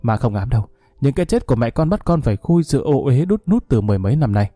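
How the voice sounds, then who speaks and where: A man's voice: medium pitch, sing-song, fast, warm tone, no echo, studio quality, faint music behind. A man voicing a grieving young man who answers his father with cool, mocking sarcasm.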